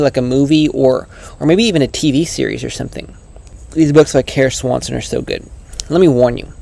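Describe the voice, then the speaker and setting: Male book vlogger, casual and earnest, slightly higher pitch, rambling delivery. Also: a little mellow. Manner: earnest, rambling, many restarts. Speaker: book reviewer. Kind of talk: casual vlog book review.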